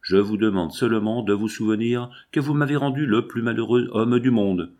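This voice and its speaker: A man's voice: mid-range voice, moderate pace, a little mellow, close to an everyday voice. A man voicing a jealous, anguished nobleman husband who questions his wife with impassioned reproach, in an audiobook reading.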